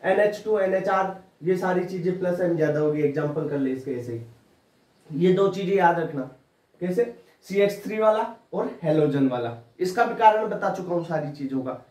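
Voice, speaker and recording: A man's voice: high voice, lively intonation, normal speed, a little mellow. A man teaching chemistry for an exam, talking informally and repeating points over and over to drill them in. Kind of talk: exam-prep lecture. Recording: roomy classroom audio, mic at a distance.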